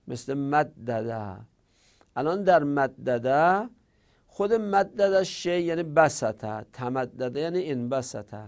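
A man teaching a grammar lesson, patiently explaining rules and repeating examples slowly. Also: mid-range voice, creaky, a little mellow. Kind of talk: classroom lecture.

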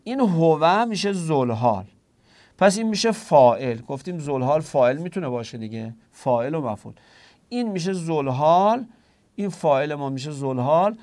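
A man with a somewhat high voice gives a classroom grammar lecture. He works through each point step by step, poses rhetorical questions and answers them himself, and turns to his students with instructions. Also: lively intonation, darkish tone. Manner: addresses students directly. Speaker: teacher.

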